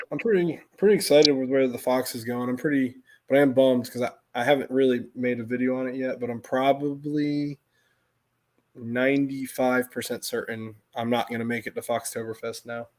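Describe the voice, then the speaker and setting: Speaking off the cuff at a moderate pace, a middle-aged American man with an everyday mid-pitched voice rambles through stories. He keeps doubling back and restarting his thoughts, in the relaxed manner of a casual livestream.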